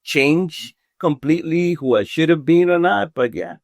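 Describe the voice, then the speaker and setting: A contractor from Venezuela, in his forties, thinks aloud as a guest in a podcast studio, halting and thoughtful with frequent restarts during casual interview talk. His voice runs on the high side with lively intonation and vocal fry, recorded at studio quality without echo.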